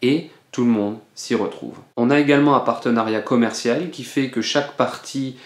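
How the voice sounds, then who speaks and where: A man's voice: mid-range voice, moderate pace. A man teaching French in a casual video lesson, explaining patiently with frequent hesitations. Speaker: French teacher, channel host. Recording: roomy echo.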